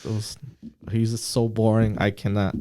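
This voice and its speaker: A man co-hosting a podcast in casual chat, opinionated and quick in the back-and-forth. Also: fairly low pitch, little pitch movement, dark tone. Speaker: podcast co-host.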